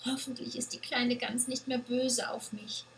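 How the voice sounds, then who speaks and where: A woman voicing a little girl goat in a children's story, with a childlike, high, pleading voice. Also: flat delivery, moderate pace, a little hiss or hum, natural voice. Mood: hopeful.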